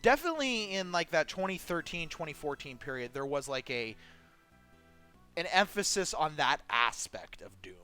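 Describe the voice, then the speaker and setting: A man's voice: a little high, big pitch swings, moderate pace, bright, forceful tone, clear, resonant tone, faint music behind. A man co-hosting a gaming podcast, chatting casually while he plays, laughing often. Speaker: co-host playing a game. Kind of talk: casual chat while playing.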